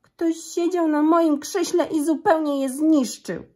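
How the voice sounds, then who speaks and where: Woman doing a squeaky little bear cub. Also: steady tone, a little slow. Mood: whiny. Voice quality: thin squeaky voice. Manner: loud complaining cries. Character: small bear cub, whiny and upset.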